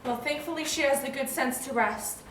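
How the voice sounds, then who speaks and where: Lady acting an anxious mom in a play, high voice, echoey room. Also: brisk, a bit bright. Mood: worried. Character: anxious, protective mother of grown daughters. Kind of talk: stage play dialogue. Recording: echoey, distant stage mic, faint noise.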